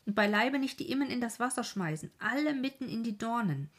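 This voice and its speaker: A woman's voice: on the high side, expressive, fairly quick, slightly rough, pitched above the performer's own voice. A woman voicing a stern male village leader giving urgent orders in battle. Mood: commanding.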